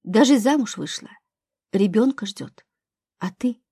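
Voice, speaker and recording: A woman's voice: medium pitch, expressive, unhurried, dark tone, slightly rough, no room sound, clean studio sound. A woman reading an audiobook, voicing a brash young man who mocks and growls at his stepsister. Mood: mocking. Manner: mocking, growling. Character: brash mocking young male stepbrother.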